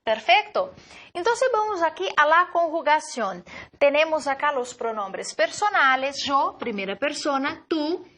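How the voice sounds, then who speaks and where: Woman teaching vocab, high voice, takes it slow, mixes two languages. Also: very animated, sharp tone. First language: Portuguese. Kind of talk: slide-based vocabulary lesson.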